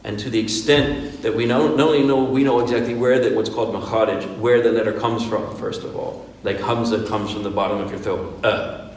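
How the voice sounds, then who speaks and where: Speaking briskly with a lowish voice and fairly even intonation, a man teaches a casual Quran workshop as an imam. He keeps it conversational with frequent "right?" and "okay?", shows Arabic pronunciation, and sounds distant in an echoey hall.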